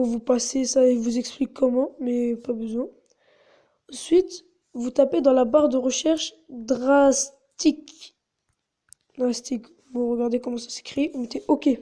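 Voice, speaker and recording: A woman's voice: fairly high pitch, fairly even intonation, slow, long pauses, warm tone. A woman narrating a casual step-by-step tutorial in a chatty way, with many fillers. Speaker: tutorial host.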